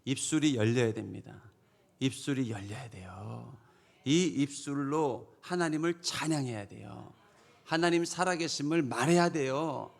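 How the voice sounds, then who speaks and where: A middle-aged male pastor preaching a sermon emphatically, swinging from loud declarations to hushed asides. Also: mid-range voice, measured pace, vocal fry.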